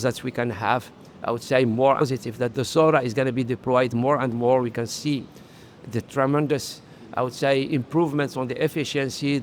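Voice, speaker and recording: Middle-aged Moroccan industry guest, earnest, searching for words, faint background hum. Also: male voice, mid-range voice. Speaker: interview guest, solar industry executive. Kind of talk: casual interview talk. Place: solar trade conference.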